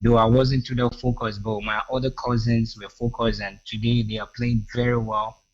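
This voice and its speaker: A man guesting on a radio interview, with a mid-range voice. He restarts his sentences often and fills every pause with "you know." The audio is dull and lo-fi. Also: mid-range voice, level tone. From Edo State, Nigeria. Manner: hesitant, full of "you know" fillers and restarts. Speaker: singer and guest.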